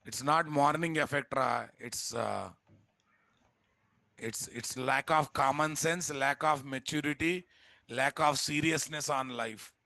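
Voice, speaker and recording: There is no room sound as this software instructor talks slowly in a medium-pitched voice that is creaky, bright and forceful. He has a Telugu Indian accent and, sitting at a computer for a live screen-share class, teaches bluntly and casually with repetition and rhetorical questions.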